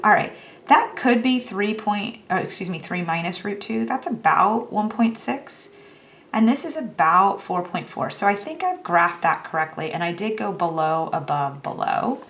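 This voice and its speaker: A woman's voice: mid-range voice, expressive, moderate pace, a bit bright, slight background noise. A woman teaching a math lesson, talking through each step on a calculator in a chatty, self-teasing way.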